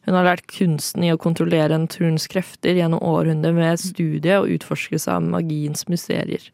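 A woman's voice: low-pitched, level tone, gravelly, a little mellow, no room sound. A young woman co-hosting a radio show, chatting casually and hesitantly with many fillers. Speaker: radio co-host.

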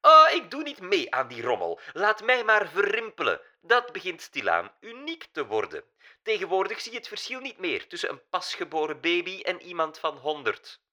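A man voicing a flamboyant elderly female diva with a shrill, pointed German accent. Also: very animated, moderate pace, sharp tone, full character voice. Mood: dismissive.

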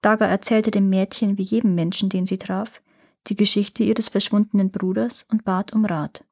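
Woman calmly reading a fairy tale. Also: mid-range voice. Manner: calm, measured narration. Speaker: storyteller.

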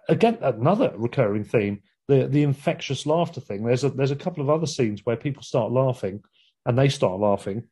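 Man, casual film chat, rambling, husky voice. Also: medium pitch, warm tone. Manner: rambling, with frequent fillers and laughs.

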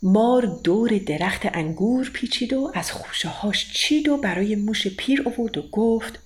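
A woman telling a children's bedtime story in a gentle, even read-aloud manner. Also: mid-range voice.

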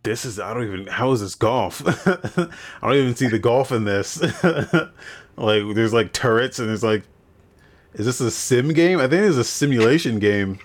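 A man's voice: medium pitch, animated, normal speed. A man co-hosting a gaming podcast, rambling in a laid-back way with casual swearing. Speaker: podcast co-host.

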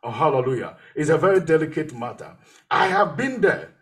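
A man's voice: fairly high pitch, big pitch swings, fairly quick, fairly bright tone. A man pastor preaching a sermon, telling his own testimony and repeating phrases for emphasis.

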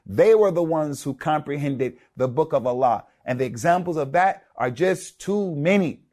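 An Islamic preacher gives a religious lecture in English laced with Arabic phrases, his voice fairly high for a man with a darkish tone. Expressive and emphatic at a normal speed, he stacks repeated words for stress.

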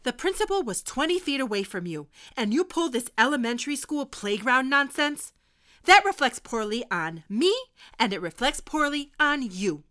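A woman's voice: sits high, sing-song, normal speed, pushed and bright, exaggerated voice. A woman acting a stern, lecturing history teacher keeping two students in detention. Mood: scolding. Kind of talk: audio drama acting.

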